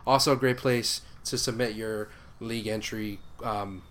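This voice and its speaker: A man's voice: on the low side, fairly even intonation, moderate pace, a bit bright. A man co-hosting a fantasy football podcast in casual chat, laid-back and joking, with casual swearing. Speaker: podcast co-host.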